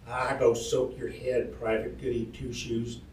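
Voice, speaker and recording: A man reading aloud while voicing a drunk, quarrelsome cavalry private who taunts loudly in a frontier drawl. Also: medium pitch, level tone, measured pace, slight background noise, natural voice. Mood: belligerent taunting. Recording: roomy hall, distant mic, faint ambience.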